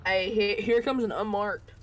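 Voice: medium pitch, fairly even intonation, normal speed, fairly bright tone. A gamer chatting casually with a friend while playing. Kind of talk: casual gaming chat. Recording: noisy, game vehicle sounds behind.

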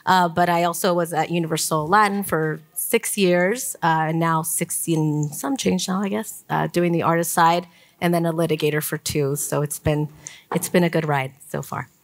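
A woman in her forties moderating a conference panel on stage, talking with many pauses and fillers. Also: low voice, fairly even intonation. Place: conference stage before an audience.

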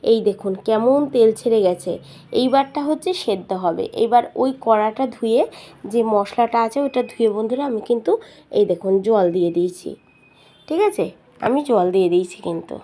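A middle-aged woman, slightly hoarse from a cold, chatting to viewers as friends while she cooks at home, recorded on a mobile phone. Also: on the high side, expressive, normal speed, warm tone. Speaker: home cooking vlogger. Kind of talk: casual cooking demonstration. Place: home kitchen.

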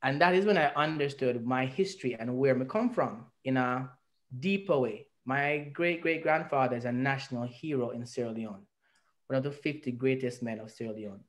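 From a room at home, connected through a video call webcam, a man with a Jamaican accent shares his story at length as an interview guest. He's earnest and reflective, with a mid-range voice at a moderate pace and rising emphasis.

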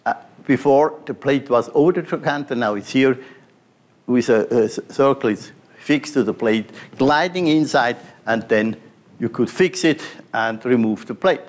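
A man's voice: medium pitch, normal speed. A man, a surgeon, giving a conference lecture over slides, walking through each point with non-native phrasing and frequent fillers. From Switzerland. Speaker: pediatric orthopaedic surgeon lecturing.

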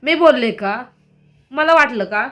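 A woman's voice: high-pitched, expressive, unhurried, fairly bright tone, slight background noise. A distressed woman talking in an emotional personal vlog, aggrieved and firing off repeated rhetorical questions. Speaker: vlogger.

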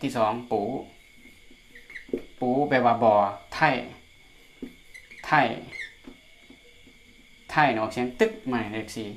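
A man with a Lao accent teaching a recorded pinyin lesson, slowly repeating syllables for learners. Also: mid-range voice, slight background noise. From Laos. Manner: drills syllables slowly by repetition. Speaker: Chinese language teacher.

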